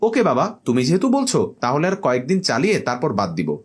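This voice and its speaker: Cheeky young jinn guy a man plays, bantering, husky, bouncy. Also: medium pitch, wildly swooping pitch, fairly quick. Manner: petulant, bantering. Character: young male jinn, vain TikToker.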